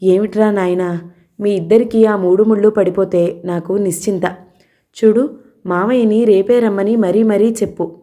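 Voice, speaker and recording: A woman's voice: medium pitch, fairly even intonation, normal speed, dark tone, natural voice. A woman reading the part of a doting older mother who speaks tenderly to her son.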